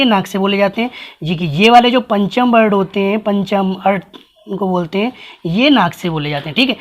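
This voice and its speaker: A male teacher working through a grammar lesson. He says each letter aloud slowly, repeats it several times, and turns to his students with quick questions. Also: high-pitched. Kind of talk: blackboard-style grammar lesson.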